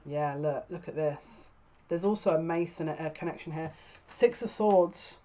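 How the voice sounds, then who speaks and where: A psychic tarot reader speaks to camera in a casual reading, her mellow voice sitting low at a moderate pace. She's indoors in a small furnished room at home. The audio is dull, lo-fi webcam sound.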